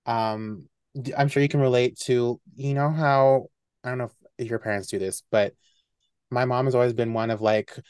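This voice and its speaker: A woman's voice: rumbling low, fairly even intonation, normal speed, a little mellow, smooth, dry recording, studio quality. A woman co-hosting a podcast in casual chat, ranting emphatically and acting out quoted lines. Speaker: podcast co-host.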